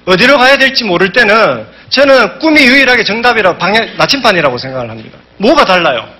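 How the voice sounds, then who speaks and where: A man's voice: high voice, fast. A man giving an emphatic motivational seminar speech, telling stories and acting out quotes. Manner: emphatic, animated storytelling with acted-out quotes. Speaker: business seminar speaker.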